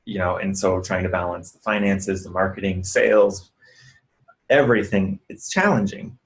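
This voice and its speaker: A man with a low voice speaks at normal speed, though the recording is low quality. As a physical therapist and clinic owner, he gives earnest, conversational advice in a casual vlog, guiding the viewer's breathing.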